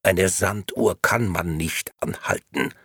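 A man voicing a suspicious grey gentleman in an audiobook, speaking slowly with an ashen voice. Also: deep voice, slightly rough, dry recording, clean studio sound, full character voice. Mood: uneasy. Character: uneasy male grey gentleman, cold and suspicious.

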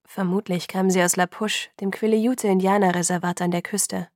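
A woman reads a first-person novel aloud in a steady, even voice. Her tone carries a gravelly, creaky grain. The recording is close and dry, with no room sound. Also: medium pitch, moderate pace, no room sound. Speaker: audiobook reader.

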